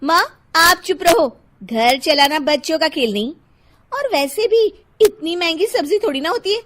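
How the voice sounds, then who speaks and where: Woman doing a shrill bossy housewife. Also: lively intonation, a little slow, heavily acted. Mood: snapping. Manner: loud, shrill and scolding. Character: bossy, rude, stingy young mother.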